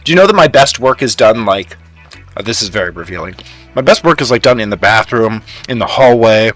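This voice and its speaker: A man's voice: medium pitch, a bit bright. Chatty, laughing male game streamer. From Canada. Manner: chatty, laughs often, talks to chat. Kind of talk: casual live stream chat.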